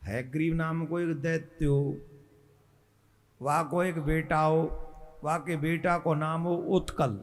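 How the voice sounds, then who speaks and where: A middle-aged man with a Braj accent telling a devotional story to a large gathering, rousing the crowd to cheer loudly. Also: fairly high pitch, steady tone, takes it slowly, long pauses, a little hiss or hum. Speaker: spiritual storyteller. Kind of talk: devotional sermon.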